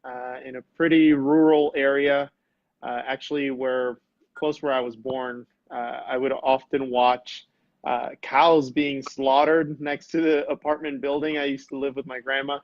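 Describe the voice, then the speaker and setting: A man's voice: mid-range voice, level tone, a little slow, no echo. A man from Venezuela talks over a video call, hesitating often between thoughts. The line sounds dull and muffled. The voice is dry, with no room around it. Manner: hesitant, with many fillers. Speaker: guest. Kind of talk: casual interview talk over a call.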